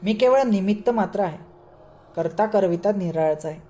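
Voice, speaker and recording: A shrewd older man speaks firmly and sensibly, explaining his reasoning step by step. A woman reads him aloud. Her voice is mellow and soft. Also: medium pitch, lively intonation, normal speed, close to an everyday voice. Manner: firm, level-headed, explaining. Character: shrewd, calm older man, devoted disciple.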